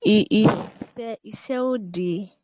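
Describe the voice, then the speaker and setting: A woman presents a topic to her online class. She reads haltingly from her notes and stumbles over names. Faint background noise runs under her mid-pitched voice. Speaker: student presenter. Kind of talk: reading class notes aloud.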